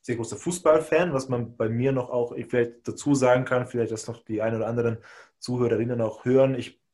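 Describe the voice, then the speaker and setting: A man's voice: medium pitch, fairly even intonation, a little fast, darkish tone. A man from Hungary, a native Hungarian speaker, co-hosting a podcast and telling a long personal story in a rambling, self-correcting way. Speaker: podcast co-host. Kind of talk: casual chat, personal storytelling.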